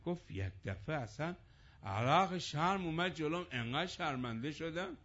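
Impassioned high-voiced male preacher. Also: lively intonation, slightly rough. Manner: impassioned, swings between hushed retelling and rising chant. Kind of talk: religious sermon storytelling. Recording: dull lo-fi recording.

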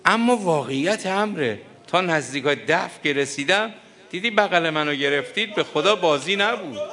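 Older male preacher, mourning sermon, forceful bright voice, impassioned and grieving. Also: a little high, lively intonation. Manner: impassioned, grieving, breaks into lamenting chant.

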